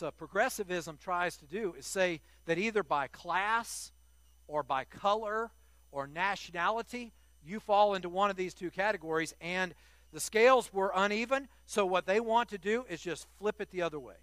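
A man's voice: high voice, normal speed, fairly bright tone, no echo. An older man preaching a sermon to his congregation, earnest and emphatic, often repeating words as he restarts a phrase.

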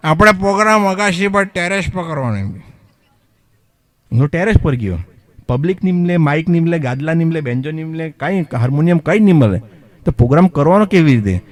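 A male comedian spins funny stories in a chatty stage manner. He turns to the audience with questions, and his voice sits a little higher than most men's. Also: bright, forceful tone. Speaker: mimicry comedian. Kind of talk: comic storytelling performance.

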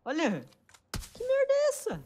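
A man's voice: very high voice, wildly swooping pitch, normal speed. A man chatting casually with teammates during an online game, sweary and exclamatory.

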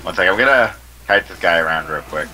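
A man's voice: sits low, expressive, quick pace, bright, forceful tone, rough recording. A young man co-hosting a casual gaming session, joking and self-deprecating. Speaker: gaming channel co-host.

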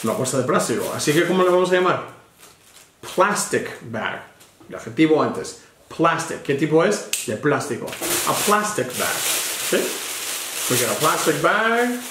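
The man's voice is slightly high, fairly bright and sing-song, with an unhurried pace. He teaches a child English vocabulary patiently and one-on-one, switching between English and Spanish and spelling words letter by letter, with echo and background noise around him.

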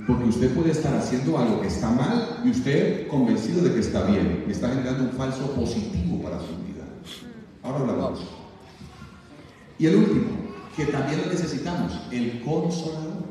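Colombian man, church conference speaker, jokey and direct, heard from afar in a booming room with the audience audible. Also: warm tone. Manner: joking, addresses the audience directly. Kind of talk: humorous leadership talk to a church audience. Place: large church hall. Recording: echoey hall, voice from far off, crowd noise.

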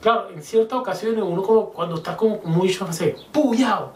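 Man, teacher, patient, slow repeated examples, fairly high voice, roomy echo, mic set back. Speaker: Chinese language teacher. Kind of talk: whiteboard lesson explaining grammar. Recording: echoey room, mic at a distance.

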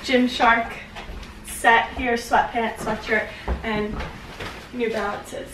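A young woman in her twenties chatting casually while vlogging on a phone, bubbly and quick to laugh. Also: on the high side, level tone. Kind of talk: casual vlog chat. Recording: noisy phone vlog audio.

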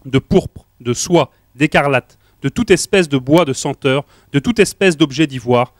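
A man reading a passage of scripture aloud in a steady, measured way. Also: fairly high pitch, dry recording, clean studio sound. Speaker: scripture reader.

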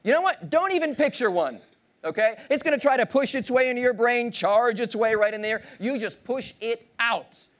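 Animated man giving a lively keynote. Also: extremely high pitch, moderate pace. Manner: animated, playful, audience-engaging, acts out voices. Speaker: keynote speaker. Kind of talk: motivational keynote speech. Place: large conference stage with audience.

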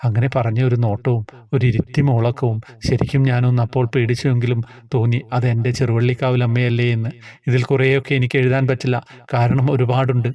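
A man calmly and earnestly reading out a devotional personal story. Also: mid-range voice, fairly quick, dull audio. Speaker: narrator reading a submitted story.

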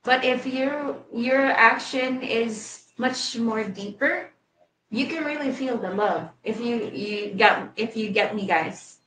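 A woman's voice: fairly high pitch, takes it slowly, a bit bright, reverberant, rough recording. Livestream co-host: thirties woman, Filipino accent, explains things to viewers, faint hum behind. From Philippines. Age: 30s. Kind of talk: casual livestream Q&A. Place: small bedroom at home, indoors.

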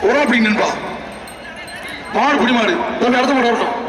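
A man calling out prizes over a loudspeaker at an outdoor bull-taming event, loud and urgent. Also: extremely high pitch, moderate pace, background noise. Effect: heard through a loudspeaker. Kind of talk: shouted live event announcing. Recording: echoey loudspeaker from far off with loud crowd.

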